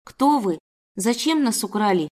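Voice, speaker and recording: A woman voicing a frightened young woman held captive, who speaks in a pleading, urgent way, raising her pitch slightly. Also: lively intonation, measured pace, darkish tone.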